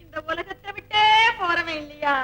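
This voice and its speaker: A middle-aged mother, doting and fretful, coaxing her child in a high, bright voice. This is a scene from a family film comedy. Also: normal speed, faint music behind. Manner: coaxing, mournful.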